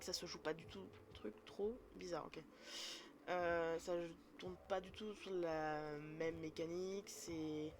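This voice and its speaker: A woman's voice: on the low side, slight background noise. A woman streamer casually explaining tabletop role-playing in a rambling, self-correcting way.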